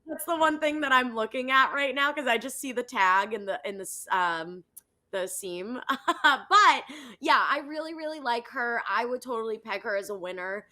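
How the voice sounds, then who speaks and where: A twentysomething woman co-hosts a reality TV recap over a video call, chatting casually and rambling with constant "like" fillers. Her voice is fairly high and expressive, bright and forceful, at a normal speed.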